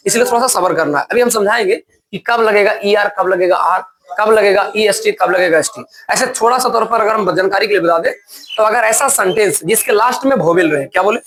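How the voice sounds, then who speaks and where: Man teaching with a class behind. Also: high voice. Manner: explains slowly, asks the class questions and answers them himself. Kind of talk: classroom grammar lesson.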